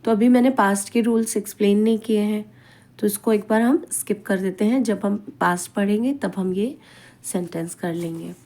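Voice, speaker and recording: A woman teaching English grammar in a classroom-style lesson, explaining step by step, asking questions and answering them herself with a frequent "right?", and reading English example sentences slowly. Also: mid-range voice, warm tone.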